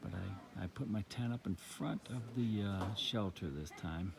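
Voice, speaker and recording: A man giving a casual, unscripted hiking update outdoors, rambling along with halting pauses. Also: low-pitched, a crowd in the background. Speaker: hiker vlogger on a long trail. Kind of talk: casual, unscripted trail vlog. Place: outdoors on a mountain trail. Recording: outdoor ambience with clear background noise.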